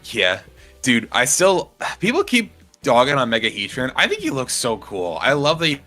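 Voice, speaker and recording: A young man chatting casually on a stream, relaxed and enthusiastic. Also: mid-range voice, moderate pace, faint music behind. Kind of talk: casual chat.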